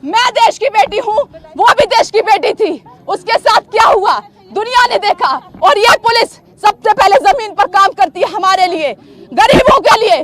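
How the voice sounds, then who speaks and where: Outdoors at a police barricade, a woman field reporter questions officials on the spot for live news, insistent and confrontational, her voice at times breaking with emotion. She has a very high, slightly bright voice with lively intonation and speaks at normal speed.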